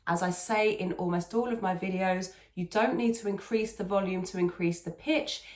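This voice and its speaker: A woman's voice: medium pitch, normal speed, darkish tone. Female vocal coach, mid-range voice, instructional and conversational tutorial delivery, repeats for emphasis, noticeably roomy recording. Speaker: singing teacher and video host. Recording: echoey, roomy sound.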